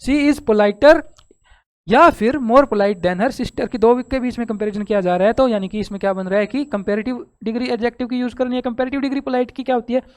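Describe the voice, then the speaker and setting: A teacher with an Indian accent explaining a grammar lesson step by step, asking and answering her own questions and reading the rules out slowly. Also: mid-range voice. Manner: reads English rules slowly from a text.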